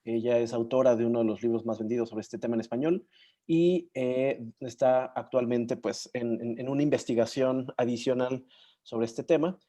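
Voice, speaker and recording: A man hosts an online session, his voice mellow and warm in tone. He talks in a halting way, often pausing as he searches for words and names. The sound comes through a video call. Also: medium pitch, steady tone. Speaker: moderator. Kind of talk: casual online session hosting.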